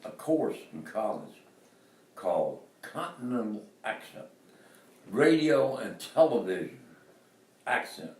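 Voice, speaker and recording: A man's voice: on the low side, very animated, takes it slowly, pauses often, roomy sound, distant mic. An older man with an Appalachian accent, telling rambling stories from his life and chuckling often. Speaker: interviewee, father. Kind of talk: casual storytelling.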